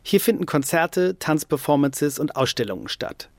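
A man's voice: fairly high pitch, lively intonation, darkish tone, dry recording. Man narrating a radio feature. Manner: descriptive, measured. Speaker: radio reporter. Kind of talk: scripted narration.

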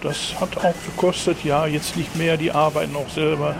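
A man's voice: a little high, level tone, normal speed, gravelly, music in the background. A man in his sixties from Dortmund, answering interview questions thoughtfully with some hesitant fillers. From Germany, Dortmund. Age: 60s. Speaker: interviewee, meat counter worker.

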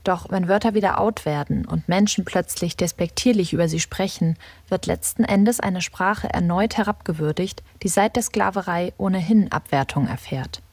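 A woman reporter reading a scripted radio feature in a measured, explanatory way. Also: fairly low pitch, a little mellow, no room sound.

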